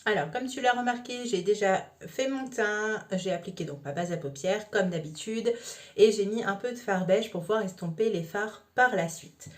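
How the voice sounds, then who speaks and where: A woman's voice: medium pitch, normal speed. Makeup vlogger, woman, easygoing step-by-step explainer, mid-range voice. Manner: chatty, explains each step with many fillers. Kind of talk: casual makeup tutorial.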